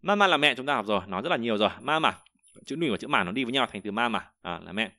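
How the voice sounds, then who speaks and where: A man teaching a vocabulary lesson, explaining each word and repeating example sentences slowly, with frequent hesitations. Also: mid-range voice, animated, sharp tone, dry recording, clean studio sound. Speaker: Chinese teacher.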